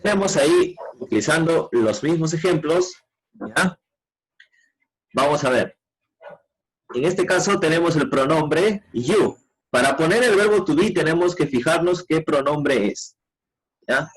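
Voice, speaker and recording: A man teaching a grade-school English lesson, patiently explaining grammar and modeling English sentences slowly. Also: a little high, lively intonation, breathy edge, poor audio. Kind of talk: online class explanation.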